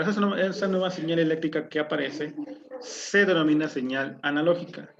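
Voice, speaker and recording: Male teacher, fairly high voice, lecturing online through a dull, lo-fi computer mic. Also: a little hiss or hum. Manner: explanatory, asks the class questions. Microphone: low-quality computer mic.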